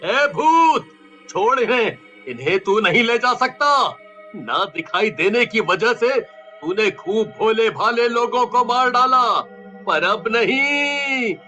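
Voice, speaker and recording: A woman voicing an angry young male ghost who is possessive of his goat and shouts slow threats. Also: fairly high pitch, expressive, pitched above the performer's own voice, full character voice. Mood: defiant. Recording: dull lo-fi audio with faint music.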